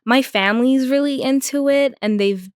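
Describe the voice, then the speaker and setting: Young woman podcast co-host, casual and chatty, smooth clear tone, dry close mic. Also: sits high, moderate pace, no room sound. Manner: chatty, lots of "like" and "um" fillers. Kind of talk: casual chat.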